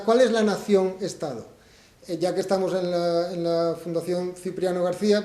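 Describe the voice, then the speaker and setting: A man from Spain speaks at a book presentation with a fairly high but mellow voice, working through his ideas aloud and asking the audience rhetorical questions. The hall around him adds a roomy echo. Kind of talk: public talk to an audience. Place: event hall.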